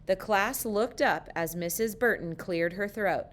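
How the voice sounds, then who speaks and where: A woman reading a children's picture book aloud, slow, careful and expressive. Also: medium pitch. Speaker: storyteller.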